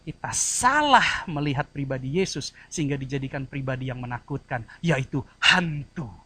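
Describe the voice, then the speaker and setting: A man's voice: medium pitch, animated, moderate pace, pushed and bright, husky. A man preaching a church sermon, addressing the congregation directly and acting out short quoted voices. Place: church service.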